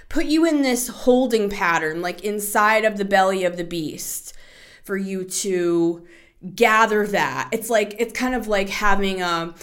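Slow-talking, breathy woman podcast host. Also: medium pitch. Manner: chatty and rambling, with frequent "like" fillers. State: short of breath, taking deep breaths. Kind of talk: casual solo podcast monologue.

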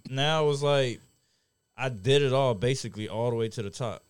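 A man's voice: medium pitch, normal speed. A man who has worked as a cook, telling stories in a casual, slangy and profane way. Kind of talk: casual chat.

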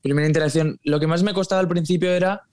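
A man's voice: fairly high pitch, fairly even intonation, rapid-fire, darkish tone, no room sound. Man, singer guest, easygoing and colloquial, dry close sound. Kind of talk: casual interview chat.

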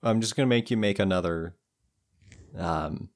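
Very deep-voiced male game master. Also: moderate pace. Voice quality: laughs often, chatty and loose. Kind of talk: narrating a tabletop game.

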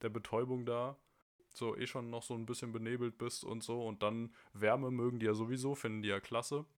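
Male co-host, mid-pitched voice, easygoing banter. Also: little pitch movement, brisk. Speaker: podcast co-host. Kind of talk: casual chat.

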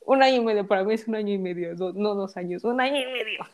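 A woman's voice: mid-range voice, lively intonation, a little fast, muffled recording. A young woman, chatting casually as a podcast co-host, gushing and giggling as a fan. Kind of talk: casual chat.

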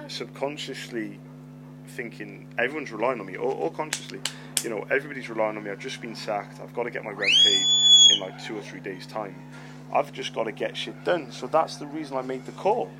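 A middle-aged man with a lowish voice speaks a little fast while telling a story on his podcast, with loud music behind him and poor audio overall. He has a lisp and stammer, swears a lot, and repeats words.

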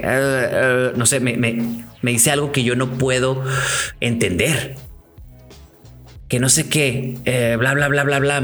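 A young man with a Mexican accent tells a personal story in a casual, animated way, full of slang and restarts. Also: medium pitch. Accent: Mexican Spanish.

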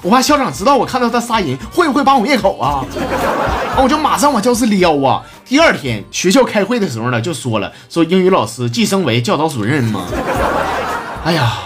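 A man's voice: sits high, big pitch swings, brisk. A man with a Northeastern Chinese accent reading out listener jokes as a host, playful and laughing at his own punchlines. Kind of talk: comedic joke reading. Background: music.

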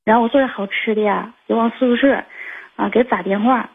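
Husky young woman on a phone line. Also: a little high, steady tone, fairly quick. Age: 20s. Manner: rambling, many fillers and restarts. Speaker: caller. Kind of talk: telling a personal story on a call-in show.

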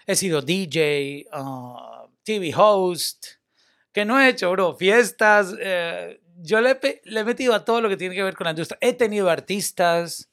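A young man talks in a relaxed podcast conversation, his voice sitting notably high. He is animated and easygoing, sliding English words into his sentences. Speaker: media personality and former radio host. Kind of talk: casual podcast chat.

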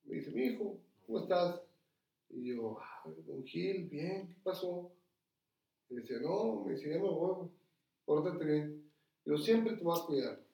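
A man's voice: fairly high pitch, expressive, measured pace, vocal fry, mellow. A man with a Mexican accent telling a story in casual chat, swearing freely and tagging nearly every phrase with slang. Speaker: podcast storyteller. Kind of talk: casual storytelling among friends. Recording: roomy echo, mic at a distance.

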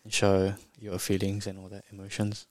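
A man from Japan, a native Japanese speaker, chatting casually as an interview guest, halting and repeating phrases, with some Kiwi slang. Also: fairly low pitch, monotone, darkish tone, no room sound. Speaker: podcast guest, rugby player.

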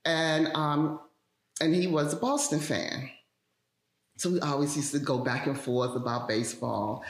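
A woman's voice: low voice, unhurried, reverberant. A woman, a television writer, telling a story in an interview and acting out the voices she quotes. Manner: animated, acts out quoted voices.

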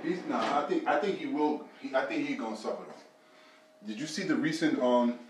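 A man's voice: medium pitch, animated, moderate pace, distant mic. Man laughing through banter in an echoey room. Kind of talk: casual chat. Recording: echoey room, off-mic, faint noise.

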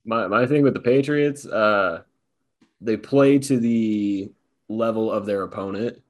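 A man's voice: lowish voice, measured pace. A man co-hosting a sports podcast, talking loosely and in a rambling, self-deprecating way. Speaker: podcast co-host. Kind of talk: casual sports talk.

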